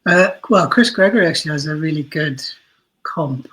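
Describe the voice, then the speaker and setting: At normal speed, a man with a high, bright voice that is husky yet forceful chats as a guest in an interview. He writes and produces audio dramas, and he explains his ideas in a thoughtful, self-deprecating way.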